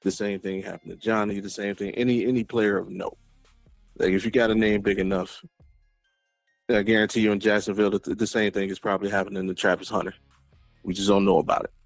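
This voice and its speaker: A man calls in to a sports radio show to debate. His voice sits on the low side and sounds dry, with faint music underneath. He pushes back insistently, repeating phrases to drive his point. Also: flat delivery, fast, vocal fry, no echo. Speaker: caller to a sports talk show.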